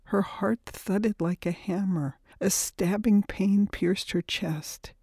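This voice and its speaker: A woman narrating a novel in a measured, steady reading voice. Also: medium pitch, no room sound. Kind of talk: audiobook narration.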